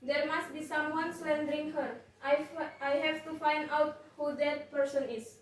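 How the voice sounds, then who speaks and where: A young woman plays a determined young prince with an Indonesian accent in a school drama, her voice high and urgent. It is recorded from a distance in an echoey room over a noisy background. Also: steady tone, moderate pace, natural voice.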